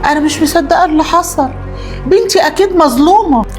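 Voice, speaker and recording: A woman's voice: high-pitched, quick pace, a little mellow, close to an everyday voice. A middle-aged woman with an Egyptian accent playing a worried, protective mother who pleads and repeats herself in a melodramatic short film. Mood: upset. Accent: Egyptian Arabic. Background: background music.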